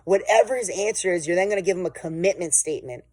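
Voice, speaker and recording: A woman's voice: fairly low pitch, fast, darkish tone, no echo. A woman giving an emphatic, motivational sales coaching lesson. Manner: emphatic and motivational, pushes with intensity. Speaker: sales trainer. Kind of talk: instructional sales coaching talk.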